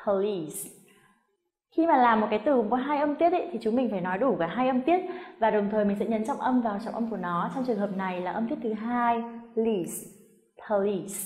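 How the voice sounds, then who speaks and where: A Vietnamese-speaking woman teaching English pronunciation in a friendly way, saying model words slowly. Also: on the high side, a little mellow. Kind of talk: pronunciation lesson. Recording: roomy echo.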